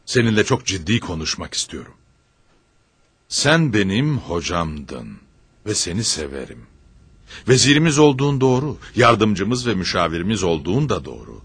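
An actor playing an imperious prince in a historical drama, speaking in a stern, formal, commanding manner. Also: male voice, fairly low pitch, very animated, moderate pace, breathy edge, no room sound, exaggerated voice. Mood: commanding, resolute. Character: imperious young prince asserting his own authority.

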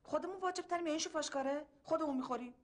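Woman acting as a bickering neighbor lady, high voice, sharp tongue. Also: natural voice. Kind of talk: TV drama acting.

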